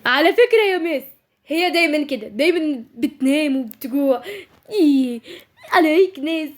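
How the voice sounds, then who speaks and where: A woman's voice: sits high, animated, moderate pace, slight background noise. A woman voicing a gossiping tattletale schoolgirl, mocking and giggly.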